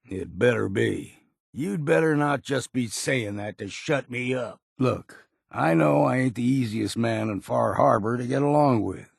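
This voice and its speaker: An actor playing a gruff, stubborn old seafarer in a video game, with a gravelly, raspy voice and a plain-spoken, folksy, weary but loyal manner. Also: male voice, medium pitch, measured pace, dry recording, clean studio sound, exaggerated voice. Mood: gruff, guarded. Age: older. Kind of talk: video game character dialogue.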